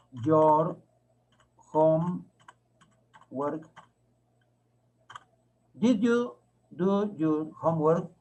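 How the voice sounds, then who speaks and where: A male teacher explains English grammar at an unhurried pace. His voice sits a little high, and he spells out example sentences slowly, one word at a time. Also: rough recording. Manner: slow, repeats and spells out each word of examples. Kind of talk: classroom grammar lesson.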